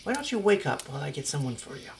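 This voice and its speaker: A woman's voice: sits low, sing-song, quick pace, creaky, slight background noise, heavily acted. A woman voicing Stephanie, a blunt and chatty teenage girl among werewolf kin, with a brash, outspoken manner. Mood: friendly.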